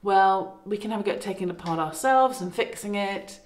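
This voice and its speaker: Here a middle-aged woman renovating a farmhouse rambles to her phone camera from arm's length, fixing her words as she goes. Her mid-range voice is brisk. There's a roomy echo to the sound.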